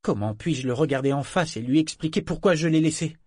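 A man's voice: on the high side, fairly quick, darkish tone, no echo, studio quality, pitched above the performer's own voice, close to an everyday voice. A man voicing an anxious, torn young woman sailor in an audiobook, speaking earnestly and fretfully.

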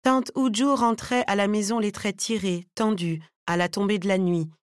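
A woman narrating an audiobook chapter in a measured, even storytelling manner. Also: mid-range voice, no echo, clean studio sound. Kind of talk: scripted narration.

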